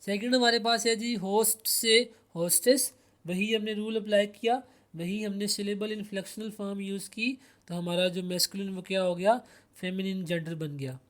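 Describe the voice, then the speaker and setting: A man's voice: high voice, fairly even intonation, normal speed. A man with a Pakistani accent teaching English grammar, explaining word pairs and asking himself rhetorical questions. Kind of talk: explanatory lesson.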